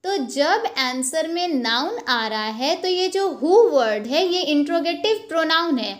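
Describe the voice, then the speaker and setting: A young woman teaching an English grammar lesson from slides, explaining slowly and checking in with "ok" after each point. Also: high voice, expressive. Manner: slow, explanatory, repeats points with "ok" and "theek hai". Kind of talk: slide-based lesson, Hindi with English terms.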